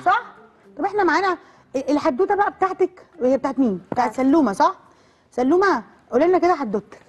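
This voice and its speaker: A woman with an Egyptian accent hosting a children's TV show, telling a story in an animated, coaxing way and quizzing the kids. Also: sits high, fast. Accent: Egyptian Arabic. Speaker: children's TV host. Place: TV studio.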